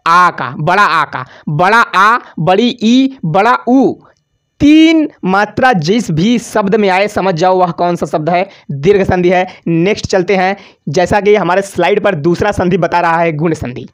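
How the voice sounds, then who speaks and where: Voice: medium pitch, fairly bright tone. Repetitive exam-prep grammar teacher. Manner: asks the class a question, then answers it, repeating key words; stretches out syllables when spelling out examples. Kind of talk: exam-prep grammar lesson over slides.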